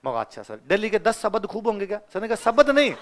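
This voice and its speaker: Give me an animated Rajasthani-accented male teacher. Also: high voice, fast, slight background noise. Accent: Rajasthani Hindi, Ganganagar area. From Rajasthan, India. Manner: animated storytelling, acts out dialogue, laughs often. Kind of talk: classroom lecture with anecdotes.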